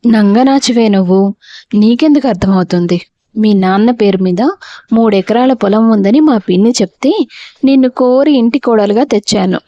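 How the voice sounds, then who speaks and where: A woman's voice: mid-range voice, moderate pace, warm tone, dry recording, close to an everyday voice. A woman voicing a greedy, harsh middle-aged mother-in-law who scolds and insults, in an audio storybook. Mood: harsh scolding. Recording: dull, dry lo-fi recording.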